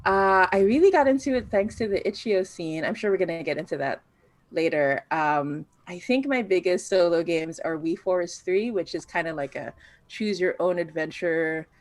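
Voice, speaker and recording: A woman's voice: fairly low pitch, animated, normal speed, no echo. A woman from the Philippines chatting casually as a guest on a panel, informal and self-deprecating. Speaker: game designer, panel guest.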